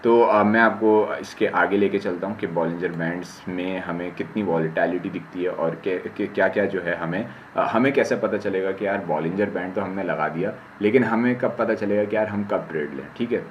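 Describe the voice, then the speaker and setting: A man with a very low voice talks through a screen-share trading lesson. He goes step by step, fills pauses and keeps checking in with the viewer, and slows right down when reading English terms aloud. A faint hiss runs under the recording. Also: muffled recording. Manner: explains step by step, frequent fillers and 'theek hai' check-ins. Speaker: trading teacher.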